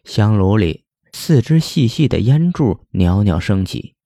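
A man tells a village ghost story in a plain, chatty storyteller's way. His voice is low and mellow. The recording is dry and close. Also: big pitch swings, a little slow, no echo. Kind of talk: folk ghost story narration.

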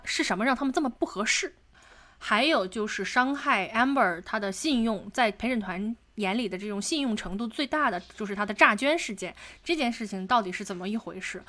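A woman hosting a casual commentary podcast in a relaxed, chatty way. She speaks at a middle pitch and adds wry asides. She slips English words into her talk as she goes. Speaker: podcast host.

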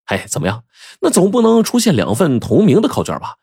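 A man voicing a carefree young male student who talks in a casual, unhurried way. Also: mid-range voice, wildly swooping pitch, darkish tone, slightly rough, no room sound, studio quality. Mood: nonchalant.

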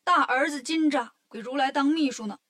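A woman voicing a hot-tempered middle-aged male heavenly king in a children's story, speaking loudly and indignantly. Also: fairly high pitch, brisk, close to an everyday voice. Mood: angry.

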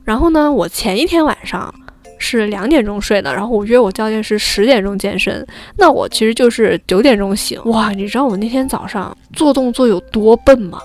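Brief: young woman in her twenties, easygoing podcast co-host, slightly high voice. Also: brisk, faint music behind. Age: 20s. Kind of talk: casual chat.

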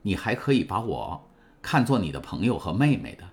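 A man's voice: fairly low pitch, sing-song, moderate pace, vocal fry, darkish tone. A man reading an audiobook, voicing a devoted, steadfast young woman in an earnest, pleading way.

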